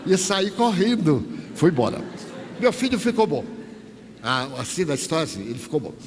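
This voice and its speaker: A man's voice: fairly high pitch, moderate pace. Man telling a story in an echoey hall. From Bahia, Brazil. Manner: animated storyteller, acts out dialogue with dropped voice. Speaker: spiritist lecturer. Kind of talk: storytelling lecture. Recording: echoey hall with faint hiss.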